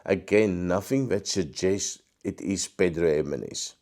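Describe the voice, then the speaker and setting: Hoarse, deep-voiced man reviewing whisky. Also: darkish tone. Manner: thoughtful, measured, with frequent ums and self-corrections. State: hoarse, croaky voice. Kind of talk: casual tasting review to camera.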